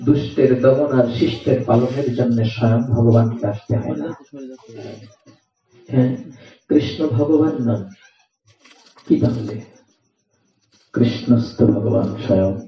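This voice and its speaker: A man's voice: medium pitch, takes it slowly, pauses often. A man giving a devotional scripture discourse to a gathering, telling stories, acting out quotes and chanting verses. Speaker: scripture reciter and preacher. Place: night gathering in an open courtyard. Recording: roomy, distant, dull sound.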